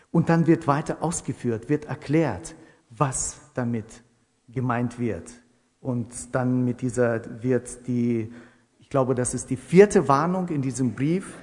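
A man preaching a sermon in a measured way, repeating key phrases for emphasis. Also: mid-range voice, a little mellow. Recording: long reverb in a hall.

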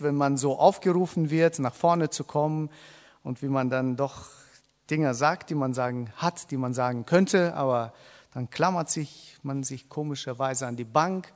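In a sermon echoing through a hall with long reverb, a medium-pitched man addresses his congregation, pausing, restarting, filling gaps, and asking listeners questions.

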